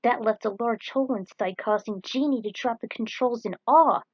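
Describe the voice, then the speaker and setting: Reading her own fan fiction, a woman narrates an action story dramatically, as if from a script. Her voice sits on the high side and is a little mellow, at normal speed. The close, lo-fi recording sounds dull, with no room sound.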